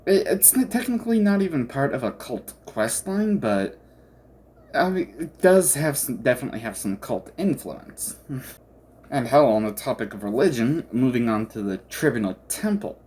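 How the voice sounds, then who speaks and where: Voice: mid-range voice, big pitch swings, normal speed, darkish tone, a little hiss or hum. A game commentator chatting casually and hesitantly about a game, rambling and often trailing off mid-thought.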